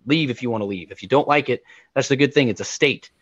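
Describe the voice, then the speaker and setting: A man's voice: mid-range voice, fast, no room sound. Male co-host, heated ranting delivery, dull lo-fi dry recording. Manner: heated, ranting, repeats words for emphasis. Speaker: podcast co-host. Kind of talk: heated opinion talk.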